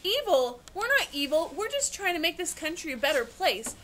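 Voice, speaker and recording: A woman's voice: extremely high pitch, very animated, moderate pace, a bit bright, heavily acted. A woman playing an earnest, prim liberal professor who protests indignantly in a scripted news satire.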